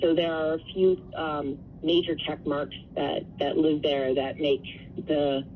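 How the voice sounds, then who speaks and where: A woman's voice: low-pitched, flat delivery, measured pace. A woman speaking as an interview guest on the radio, explaining things earnestly and conversationally. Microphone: telephone. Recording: tinny phone line with faint noise.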